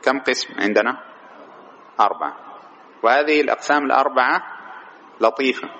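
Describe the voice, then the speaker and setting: A man gives a grammar lesson in a mid-pitched voice, often putting a question to his students and repeating their answers. He stretches key words as he explains. A faint noise hums behind him. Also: fairly quick, pushed and bright, dull audio. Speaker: teacher of Arabic morphology. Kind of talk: classroom lecture with questions to students.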